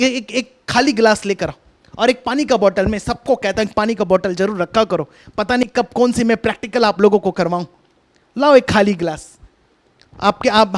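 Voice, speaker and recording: A man preaching a sermon over a video call, talking conversationally, coaxing his listeners and repeating his instructions. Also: very high-pitched. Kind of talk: online sermon with a hands-on demonstration.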